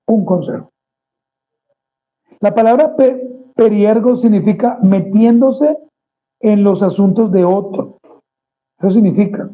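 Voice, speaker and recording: A man's voice: high voice, phone-quality sound. A male pastor delivering a conversational sermon, addressing the congregation as brothers and acting out small quoted exchanges.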